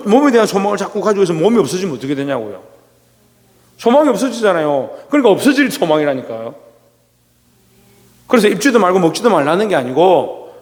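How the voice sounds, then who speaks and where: Man, pastor, sermon, fairly high voice, long church reverb, asks and answers his own questions. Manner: asks the congregation questions and answers them himself; swings between loud, rising exclamations and low asides. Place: church sanctuary.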